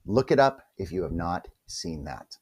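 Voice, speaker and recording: A man hosting a spiritual reflection vlog, talking in a chatty, animated way with asides. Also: moderate pace, husky. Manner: animated, chatty, with wide pitch swings and asides. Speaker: host of a spiritual reflection channel.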